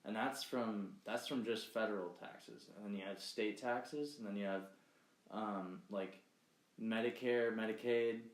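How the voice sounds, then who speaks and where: A man's voice: fairly low pitch, a little slow. A young man co-hosting a podcast, talking politics in a blunt, heated way and swearing freely. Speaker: podcast co-host. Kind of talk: casual political chat. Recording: echoey room.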